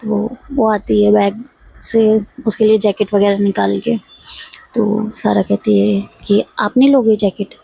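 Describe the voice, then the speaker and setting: A woman casually narrating a story in a relaxed, chatty way, acting out the lines of the people in it. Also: mid-range voice, vocal fry, slightly rough, no room sound, rough recording. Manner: relaxed retelling with quoted dialogue.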